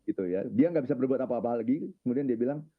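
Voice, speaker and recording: Man, mid pitch, reflective storyteller with a habit of tagging every phrase, phone-line sound. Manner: unhurried, leans on filler tags at phrase ends. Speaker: guest speaker on his own channel.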